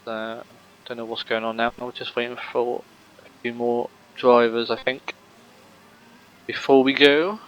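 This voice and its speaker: A man's voice: medium pitch, flat delivery, measured pace, long pauses, lo-fi sound. Man, race commentator, live sim racing commentary, rambling, filler-heavy, jokey.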